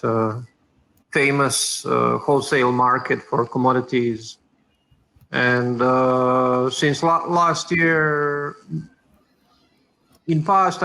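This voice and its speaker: Slow, gravelly man from Bosnia. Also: medium pitch, bright, forceful tone, poor audio. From Bosnia and Herzegovina. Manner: hesitant, searching for words. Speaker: panelist, sourcing trader. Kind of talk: casual panel intro.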